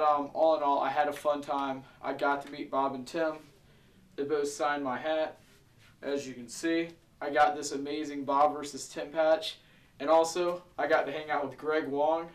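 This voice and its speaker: A man with a slightly high voice hosts a casual vlog recap. He sounds distant from the mic in an echoey room, with faint music behind him. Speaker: video host. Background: faint background music.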